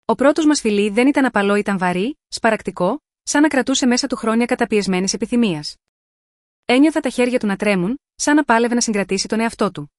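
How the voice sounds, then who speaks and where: A woman's voice: on the high side, lively intonation, no echo, studio quality. Woman narrating a sensual romance story. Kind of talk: scripted first-person romance narration.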